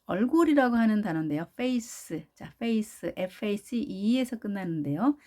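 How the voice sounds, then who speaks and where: A woman teaching an English phonics lesson, patiently repeating each model word slowly. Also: medium pitch, animated, a little mellow.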